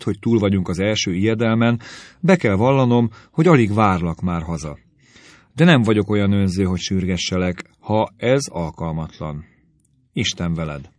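Gentle worried letter-writer, read by a man. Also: fairly low pitch, no room sound, clean studio sound, close to an everyday voice. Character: gentle young woman writing a worried letter.

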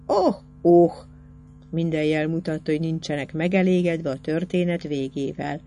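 Low-voiced woman reading a novel aloud. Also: fairly even intonation, mellow, faint music behind. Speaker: audiobook narrator. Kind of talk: expressive literary reading.

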